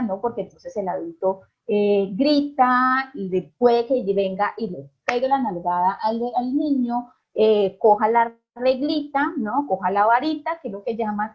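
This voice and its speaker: Husky-voiced woman lecturing on parenting. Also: fairly high pitch, dull audio. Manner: asks the audience questions, repeats "¿listo?". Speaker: child psychologist giving a parenting talk.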